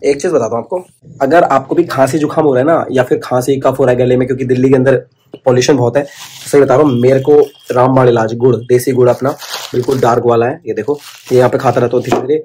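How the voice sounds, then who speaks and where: A man's voice: medium pitch, steady tone, fast, darkish tone, a little hiss or hum. A man chatting casually to the camera in a home vlog, sharing tips and calling his viewers brother. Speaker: vlogger. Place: at home, indoors.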